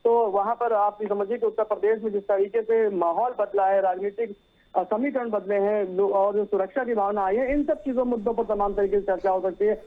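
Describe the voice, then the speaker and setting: A man's voice: high-pitched, fairly even intonation, a little fast. A male news correspondent reporting live, talking in long sentences with frequent fillers and restarts. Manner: repeats "सीधे तौर पर" and "आप समझिए", many fillers and restarts. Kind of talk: live news report over a phone line. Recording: tinny phone line.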